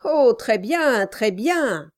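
A woman's voice: a little high, animated, drawn-out words, no echo, studio quality, pitched above the performer's own voice. A woman reading an audiobook, voicing an obsequious male lawyer who titters and agrees with everything. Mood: fawning. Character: fawning, sniggering male lawyer.

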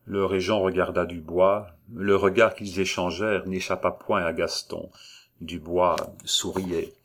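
A man narrates a classic novel in a low, steady voice. His reading is measured and literary, with clear, unhurried phrasing. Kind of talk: audiobook narration.

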